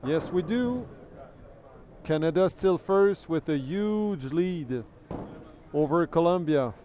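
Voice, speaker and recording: Slow but expressive, a French-native man with a fairly high, dark voice does live bowling commentary from the alley. He keeps it chatty, gives thanks to viewers, and repeats words while thinking.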